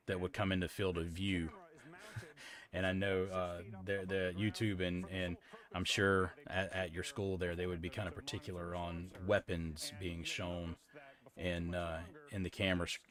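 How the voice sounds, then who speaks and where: Male livestreamer, lower-pitched, casual and halting, drifting from aside to aside. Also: little pitch movement, fairly bright tone. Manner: rambling, halting. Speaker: live streamer.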